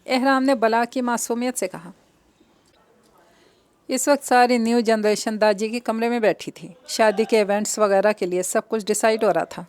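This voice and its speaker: A woman narrating a romance novel aloud with a steady storytelling delivery. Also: on the high side.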